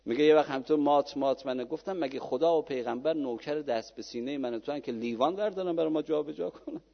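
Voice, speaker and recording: A male cleric preaching a sermon and telling stories, swinging from hushed lines to loud fervent ones. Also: on the high side, gravelly. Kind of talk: sermon with storytelling. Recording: dull lo-fi recording with long reverb.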